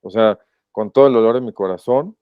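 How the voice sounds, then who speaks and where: A man with a Mexican accent, a podcast guest giving a personal account in a reflective, halting, emotional way. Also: on the low side, smooth, no echo, phone-quality sound. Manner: reflective, halting and emotional, often pausing to rephrase. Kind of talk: personal testimony in a podcast interview.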